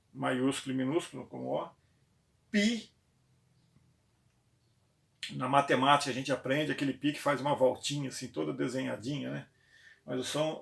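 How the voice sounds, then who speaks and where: Gravelly São teacher, echoey room. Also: male voice, mid-range voice. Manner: explanatory, repeats sounds and letters slowly, checks in with "né?". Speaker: theology teacher. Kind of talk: classroom lecture.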